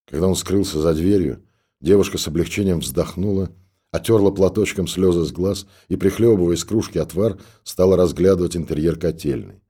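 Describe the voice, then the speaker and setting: A man reading a story aloud in steady, measured audiobook narration. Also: deep voice, slightly rough.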